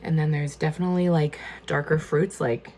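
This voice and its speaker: A woman with a low-pitched voice hosts a casual, chatty tasting. She speaks informally and tentatively, working out her thoughts as she goes. Faint noise sits behind her voice. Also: steady tone, moderate pace, warm tone. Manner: informal, tentative, thinking aloud with frequent 'like'. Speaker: wine tasting host.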